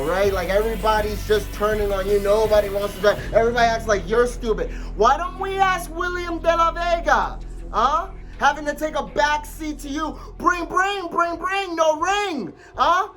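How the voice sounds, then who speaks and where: A man cuts a wrestling promo over music, theatrical and taunting. He repeats his phrases for effect and throws out drawn-out mock questions as he talks trash about a rival. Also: high-pitched, fairly bright tone. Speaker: professional wrestler, tag team partner.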